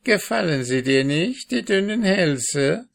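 A man voicing a spiteful old crone with a hoarse, cackling voice in a storybook reading. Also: sits high, animated, slow pace, pitched above the performer's own voice, full character voice. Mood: mocking. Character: spiteful hook-nosed old crone, a witch.

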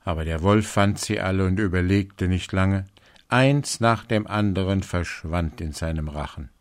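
A man reading a fairy tale aloud in an expressive storytelling manner. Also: low-pitched, normal speed. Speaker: narrator.

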